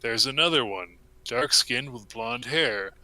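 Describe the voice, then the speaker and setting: A young man reading a comic story aloud to friends in a deadpan way, with a close mic. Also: medium pitch, measured pace, no echo, poor audio. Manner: deadpan reading, breaking into laughter.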